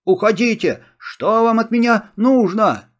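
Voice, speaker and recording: A man voicing a frightened young boy who shouts and pleads in a storybook reading. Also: high voice, expressive, unhurried.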